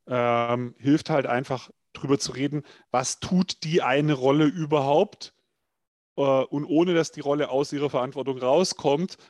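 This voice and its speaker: A man's voice: on the high side, a little mellow, no echo. A man with a mid-range voice speaks directly and conversationally, acting out short back-and-forth dialogues. He is an agile coach co-hosting a casual live stream. The sound is dry and close.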